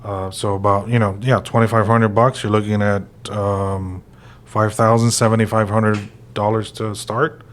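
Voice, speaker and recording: An American man in his forties co-hosts a real estate podcast, chatting in a relaxed, rambling way full of fillers. His voice is fairly low and moves at a moderate pace, with slight background noise in the recording.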